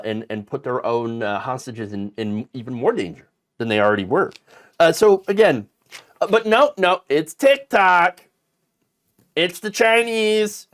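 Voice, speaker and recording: A man hosting casual political commentary, sarcastic and animated, mocking politicians with put-on quotes. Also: medium pitch.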